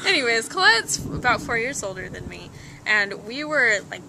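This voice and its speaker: Lively, laughing young woman. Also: fairly high pitch, normal speed, vocal fry. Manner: laughs often, animated storytelling. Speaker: visiting guest, younger cousin. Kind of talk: casual chat. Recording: home video with noisy background.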